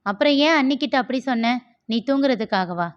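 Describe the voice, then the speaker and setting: A woman's voice: high voice, expressive, fairly quick, voice pushed up. A woman voicing a hurt, brooding young husband who asks troubled questions in a story reading. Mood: questioning. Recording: dull lo-fi.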